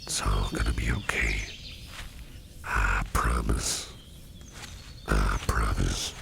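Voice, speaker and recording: A man acts out a protective gentleman boss in an ASMR roleplay, with an extremely low, gravelly voice. He speaks slowly and softly, often close to a whisper, reassuring and courteous, over clearly audible background ambience. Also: fairly even intonation, noisy background, heavily acted. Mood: soothing. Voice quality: very deep, gravelly, often breathy and near-whispered. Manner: gentle, reassuring, unhurried, repeats phrases softly. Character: Grimwald, caring protective businessman boss with magical travel tricks. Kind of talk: ASMR roleplay, soft personal attention.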